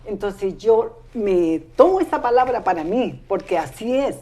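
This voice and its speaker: A woman calmly sharing how she prays, affirming the other speaker often. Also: mid-range voice, unhurried. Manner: warm affirming, calm testimony. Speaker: co-host of women's ministry talk. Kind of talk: casual faith talk.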